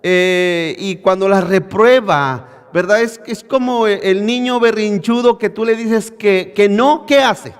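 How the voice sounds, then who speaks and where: Pastor, male, very high voice, preaching in a big reverberant church, keeps asking the flock questions. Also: takes it slowly, hardly any pauses, clear, resonant tone. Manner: preaching with rhetorical questions to the congregation. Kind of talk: sermon. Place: church hall. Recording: echoey church hall.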